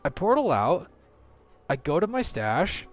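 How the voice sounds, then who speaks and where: Lively, swearing gamer guy, higher-pitched. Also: measured pace, faint music behind. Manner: swears often, rants when frustrated. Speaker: game streamer. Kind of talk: live gameplay commentary.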